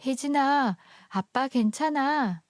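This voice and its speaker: A woman doing a gentle old father. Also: high voice, slow pace, no room sound, clean studio sound, voice pushed up. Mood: gently consoling. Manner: soft, consoling. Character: ailing elderly father, gentle and apologetic.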